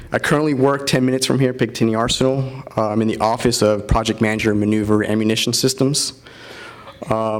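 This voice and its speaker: A man in his thirties from Florida, an army officer giving an earnest ceremonial keynote speech with frequent fillers. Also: on the low side.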